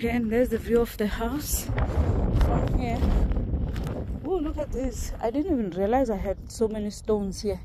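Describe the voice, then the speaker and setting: A chatty South African woman vlogs while walking on dry rural farmland in the wind, phone in hand at arm's length. Her voice is on the high side and a little slow, and she laughs readily between rambling asides. Wind and ambient sounds fill the background.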